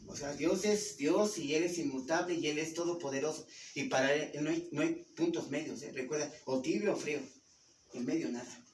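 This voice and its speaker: Speaking a little high and a little fast, a Mexican-accented pastor pauses often in his sermon to question his congregation. Captured from afar, his voice echoes through a roomy church hall with some background noise.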